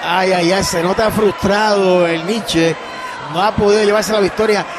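A man with a Puerto Rican accent giving partisan wrestling commentary, emphatic, with drawn-out, repeated exclamations. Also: sits high, fairly even intonation. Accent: Puerto Rican Spanish. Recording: noisy arena with crowd behind. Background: crowd noise.

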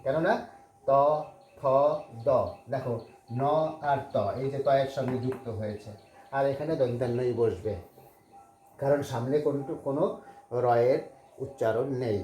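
Male teacher, patient and repetitive, low warm tone, echoey room with faint hiss. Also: a little slow, long pauses. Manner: patient, repeats words and spells them out letter by letter. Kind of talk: classroom lesson on Bangla spelling.

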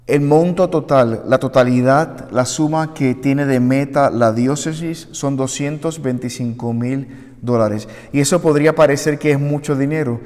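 A Puerto Rican man in his thirties, a deacon and seminarian, delivers a prepared, earnest appeal to his congregation from a lectern. His mid-range voice is a little mellow and moves at a measured pace. The small wood-panelled chapel gives the recording the long, echoey reverb of a hard-walled room.

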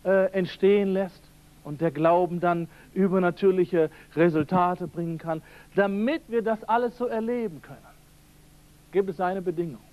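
High-voiced preacher on old tape. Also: male voice, moderate pace, dull audio. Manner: emphatic, repeats key phrases, addresses listeners directly. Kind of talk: sermon. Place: church seminar hall. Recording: old radio-quality seminar tape.

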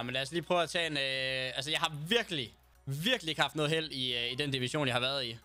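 A man's voice: medium pitch, sharp tone. A man from Denmark streaming a football video game in casual chat, blurting out and swearing at the game. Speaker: gaming streamer. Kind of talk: casual live-stream chat while playing.

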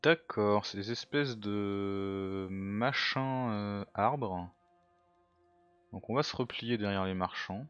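Male gamer, lower voice, casual thinking-aloud commentary, self-mocking; dull lo-fi mic, soft music bed. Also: takes it slowly, smooth. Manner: thinks aloud, muttering to himself. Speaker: let's play gamer.

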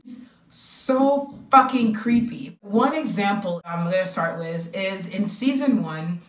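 A woman's voice: medium pitch, reverberant, distant mic. A young woman YouTuber ranting bluntly and laughing as she gives her honest opinion in a casual vlog. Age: young adult. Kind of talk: casual rant video.

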